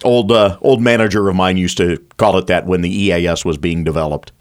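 A low-voiced male radio co-host with a dry, wry delivery. He chats loosely in a studio, trading quick remarks. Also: fairly even intonation, smooth. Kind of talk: casual sports radio banter.

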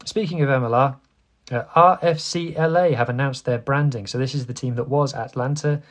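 A man's voice: mid-range voice, fairly quick. A man hosting a casual solo sports news podcast, talking in a chatty, informal and self-deprecating way. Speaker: podcast host.

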